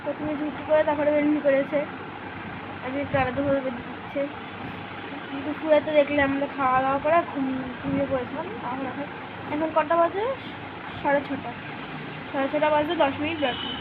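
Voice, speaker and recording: A young woman with a hoarse voice and a stuffy nose from a cold, chatting casually to her vlog camera as she shows her meal and home. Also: high voice, fairly even intonation, a little fast, phone-quality sound, noisy background. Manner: chatty, showing things to camera. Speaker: vlogger.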